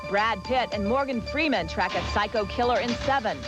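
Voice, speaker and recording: A woman presenting entertainment news in a brisk, upbeat scripted style. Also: fairly high pitch, low-quality recording. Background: music.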